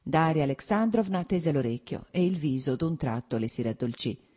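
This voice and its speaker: A woman reading a novel aloud as narrator, in a measured, literary way. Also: low voice, lively intonation, dark tone. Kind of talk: scripted narration.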